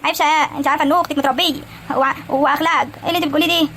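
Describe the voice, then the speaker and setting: A woman's voice: sits high, steady tone, racing, a bit bright, slight background noise. A woman with an Egyptian accent voicing a bossy, caring young wife and older sister in a cartoon comedy, prying and giving advice. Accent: Egyptian Arabic. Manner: teasing, prying, advising. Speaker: voice actor in animated comedy. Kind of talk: animated cartoon acting.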